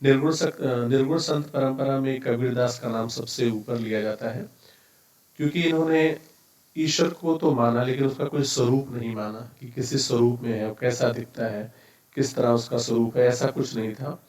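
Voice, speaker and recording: A man's voice: mid-range voice, steady tone, normal speed, darkish tone. A male teacher giving a classroom lecture, explaining each term step by step and restarting words to correct himself. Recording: roomy, mic at a distance.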